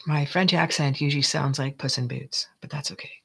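This Canadian crafting-channel host talks to themselves while working, keeping the narration jokey and chatty. The voice sits at medium pitch with fairly even intonation and a fairly quick pace, gravelly and slightly rough yet fairly bright.

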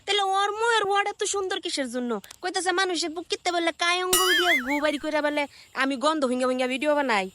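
In a scolding reaction video shot on a phone, a female content creator with a colloquial Bangladeshi Bengali accent races through a sarcastic rant. Her pitch is extremely high, and heavy background noise fills the recording.

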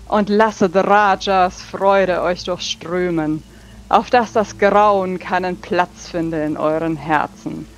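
A woman's voice: medium pitch, natural voice. A woman playing a grand priestess in a tabletop game, declaiming a prayer like a hammy stage actor. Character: theatrical priestess praying grandly to a joy goddess. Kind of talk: dramatic prayer in tabletop role-play. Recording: dull lo-fi mic over background music.

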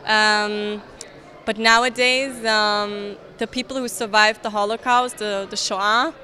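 A woman in her twenties from Austria, speaking English with an Austrian accent, answering interview questions in an earnest, measured way with hesitant restarts. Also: medium pitch, bright, forceful tone. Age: 20s. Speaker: interviewee, soldier. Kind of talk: event interview. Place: indoor event hall, crowded.

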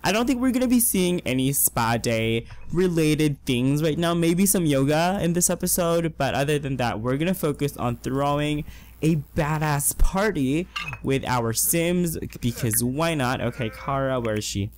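A young man with a fairly high voice gives casual gameplay commentary as a let's play host. He sounds hoarse, as if he is losing his voice, and he talks in a chatty, excitable way, gushing with slang. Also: normal speed, a little hiss or hum.

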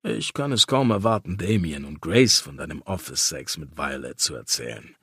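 A man's voice: a bass voice, lively intonation, normal speed, pushed and bright, slightly rough, no echo, studio quality, pitched below the performer's own voice, exaggerated voice. A man voicing a cheeky, crude young man who mocks his friend in an audiobook. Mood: teasing. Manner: mocking, cheeky.

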